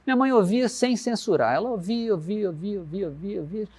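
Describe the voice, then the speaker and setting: A Brazilian man, a musician reflecting in an interview and slowly reciting lyrics as he tells stories. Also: sits high, animated, breathy edge. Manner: warm storytelling, recites his lyrics slowly. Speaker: musician guest.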